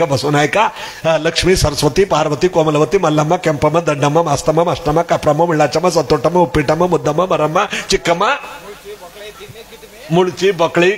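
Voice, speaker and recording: A man telling a humorous devotional discourse, lively and acting out villagers' voices. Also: on the high side. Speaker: devotional storyteller.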